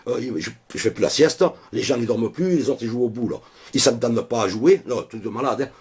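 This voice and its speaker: A man's voice: medium pitch, a little fast, a little mellow, husky. A man with a Marseille accent telling a long joke in a loose, colloquial way, full of little fillers. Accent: Marseille French. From Marseille, France. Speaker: joke teller. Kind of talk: casual joke storytelling.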